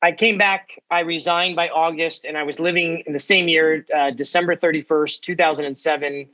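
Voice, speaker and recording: Lively storytelling man in his forties. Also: fairly high pitch, lo-fi sound. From United States. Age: 40s. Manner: energetic storytelling, quick asides. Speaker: guest, ministry founder. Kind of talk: podcast interview.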